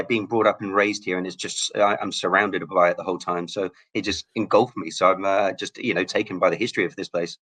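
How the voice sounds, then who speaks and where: A man's voice: on the low side, a bit bright. A man from Hong Kong, a guest telling stories in a casual interview, often restarting his words. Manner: rapid, with frequent word restarts. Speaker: guest, local relic hunter.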